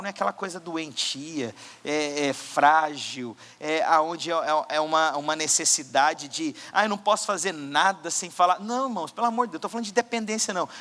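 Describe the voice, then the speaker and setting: A man preaching a sermon as pastor, swinging between loud exhortation and quiet asides. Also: on the high side. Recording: church hall with long reverb.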